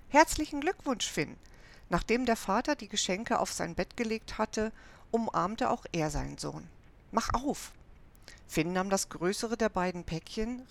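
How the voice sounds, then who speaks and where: A woman reading a children's story aloud in a calm, even manner. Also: medium pitch, gravelly. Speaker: narrator.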